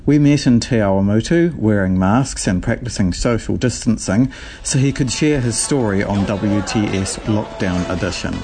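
Male radio host, New Zealand accent, warm relaxed lower voice, scripted programme introduction. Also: moderate pace, faint music behind. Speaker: radio show producer and host.

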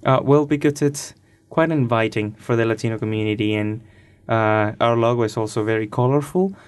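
Answering interview questions on the radio, a young Chilean man of nineteen sounds casual and thoughtful, pausing with hesitation along the way. His pitch is mid-range and his tone is clean.

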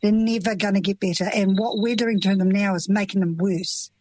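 A woman's voice: medium pitch, steady tone, a little fast, darkish tone, dry recording, rough recording. Impassioned New Zealand mother, dry sound. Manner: earnest, impassioned, plain-spoken. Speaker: parent of children with FASD. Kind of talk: emotional interview answers.

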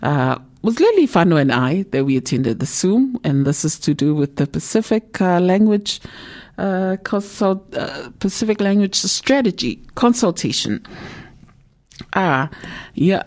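A woman with a Samoan accent presents a community radio show. Her voice sits a little on the low side. She chats informally and unscripted, pausing often as she looks for the next word. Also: sing-song, a little mellow. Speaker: community radio programme host. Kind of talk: casual bilingual radio chat.

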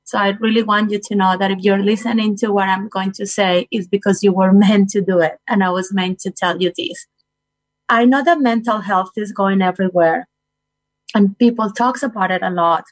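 Speaking English with a Colombian Spanish accent, a guest speaker from Colombia in her forties talks earnestly to her listeners about well-being, with non-native phrasing. Her mid-range voice keeps a fairly even intonation at normal speed. The recording is rough, with no room sound.

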